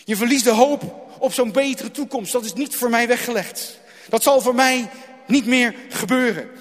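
A preacher with a strikingly high voice gives a dramatic sermon at a moderate pace, repeating key phrases and shifting from loud, driving lines to hushed ones. A long reverb trails his words, as though he were in a large hall.

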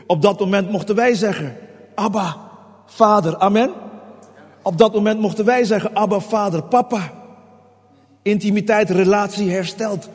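A man's voice: high voice, darkish tone. A man preaching a sermon, passionate, who voices prayers in a raised, pleading tone. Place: hall. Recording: long hall reverb.

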